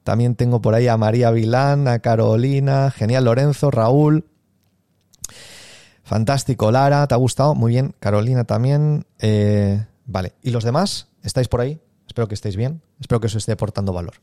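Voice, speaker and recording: A man's voice: mid-range voice, warm tone, no room sound. A man giving a live online sales lesson, talking casually to listeners and acting out example sales conversations. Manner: conversational, acts out sales dialogues with pauses. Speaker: sales trainer. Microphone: close microphone.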